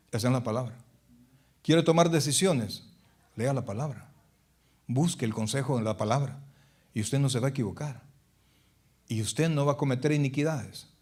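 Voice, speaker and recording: A middle-aged pastor preaching a sermon in a church, asking the congregation questions and swinging between loud and hushed passages. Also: male voice, medium pitch.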